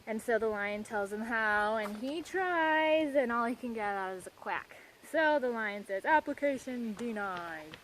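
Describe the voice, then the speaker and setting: Lively woman retelling picture books. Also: a little high, unhurried, few pauses, a little hiss or hum, low-quality recording. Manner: animated storytelling with brief character voices. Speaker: children's book presenter. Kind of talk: casual book review, retelling stories.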